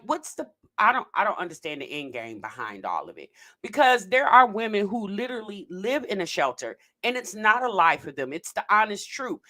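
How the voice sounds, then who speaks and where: Speaking casually to her audience, a woman who runs a reaction commentary channel keeps things chatty and animated. Her pitch is medium, and she draws words out for emphasis as she talks right to viewers.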